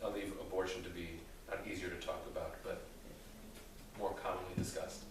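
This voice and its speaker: Echoey, distant, deliberate low-voiced male rabbi. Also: level tone. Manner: deliberate, thoughtful, with careful qualifications. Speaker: rabbi answering audience questions. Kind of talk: theological question-and-answer talk. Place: reverberant indoor room with an audience. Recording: very echoey room, distant mic, faint noise.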